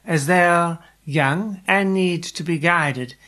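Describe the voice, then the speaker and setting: A protective lioness mother asks in a calm, slow, even tone, with a male narrator doing her voice. She pleads gently for her cubs rather than threatening. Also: a little high, pitched above the performer's own voice.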